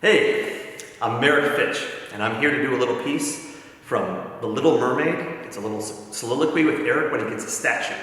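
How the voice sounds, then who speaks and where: A man's voice: mid-range voice, fast talker, fairly bright tone. A man auditioning, eagerly introducing himself and his piece. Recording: echoey hall.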